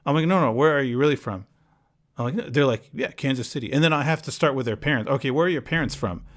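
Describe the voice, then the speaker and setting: A man's voice: medium pitch, quick pace. A man with a slight foreign accent hosting a casual podcast chat, rambling and restarting his sentences. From United States. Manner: rambling, restarts often, animated retelling. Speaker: podcast host.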